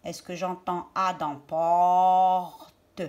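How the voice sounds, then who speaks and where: Woman, teacher, bright, slightly high, slow and deliberate. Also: big pitch swings, highs cut off. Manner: slow, deliberate, stresses and repeats words for children. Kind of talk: children's reading lesson.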